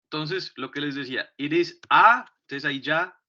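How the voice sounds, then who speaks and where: A man with a Colombian Spanish accent teaches an English lesson, explaining patiently step by step and frequently checking in with his class. His voice is fairly high, bright and forceful at a normal pace, though the recording is dull and lo-fi.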